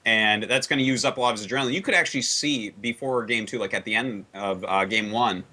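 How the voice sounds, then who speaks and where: A man's voice: on the low side, quick pace, sharp tone. A man on a casual esports panel, reasoning through a strategy thoughtfully. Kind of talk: casual esports analysis chat.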